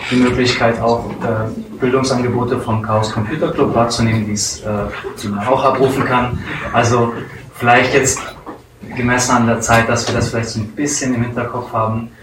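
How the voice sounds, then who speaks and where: A man's voice: mid-range voice, fairly even intonation, normal speed. A man moderating an audience Q&A, hesitant and full of fillers. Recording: echoey hall, far from mic, noise.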